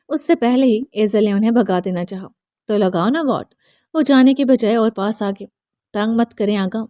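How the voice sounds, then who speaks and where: A woman's voice: mid-range voice, dark tone, no room sound, clean studio sound. A woman narrating a romance novel aloud, reading every character's dialogue herself with light voicing. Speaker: audiobook narrator.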